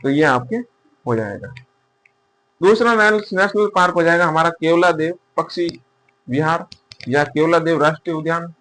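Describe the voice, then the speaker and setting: A male teacher giving a casual exam-prep lecture, asking questions and answering them himself, and repeating key terms slowly as he writes them down. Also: on the high side, fairly bright tone. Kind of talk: casual classroom-style lecture.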